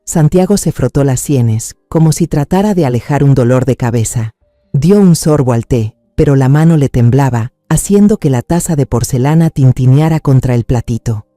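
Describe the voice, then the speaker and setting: A man narrating a family drama in a measured, somber, suspenseful way. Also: mid-range voice, mellow, no echo, clean studio sound, soft background music.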